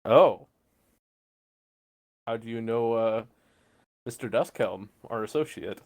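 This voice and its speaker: A man doing a courteous male weapons salesman, smooth sales patter, everyday tone, tabletop game character. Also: mid-range voice, slow pace, darkish tone, close to an everyday voice. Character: polite male arms-factory salesman.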